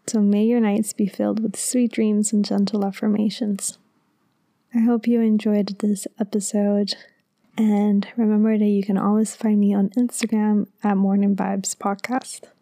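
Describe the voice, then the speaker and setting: A woman podcast host reading a script in a soft, soothing, half-whispered sleep-story narration. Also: medium pitch, flat delivery, a little slow, no room sound, clean studio sound.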